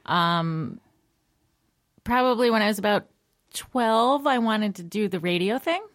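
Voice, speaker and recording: A woman's voice: mid-range voice, lively intonation, measured pace, no room sound, studio quality. Friendly middle-aged woman guest. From Connecticut. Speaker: podcast guest. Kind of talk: casual interview chat.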